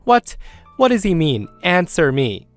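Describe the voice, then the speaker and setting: A man's voice: on the high side, lively intonation, measured pace. Guy reading as a pushy entitled mom, indignant and demanding, storybook style with faint music behind. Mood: panicked. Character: entitled, shrill middle-aged mother demanding her way.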